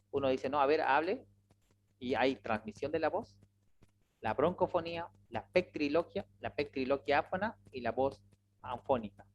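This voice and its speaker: A medical lecturer giving an online lesson to students, explaining step by step and often checking in quick questions. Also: mid-range voice, lo-fi sound.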